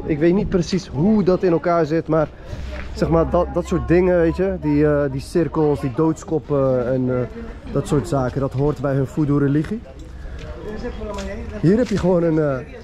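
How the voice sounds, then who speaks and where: A young man excitedly narrating a walking tour of a street to his viewers, filmed on a handheld action camera outdoors. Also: on the high side. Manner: enthusiastic, chatty, addresses viewers directly. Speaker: vlogger, tour guide. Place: outdoor narrow city street with murals, walking.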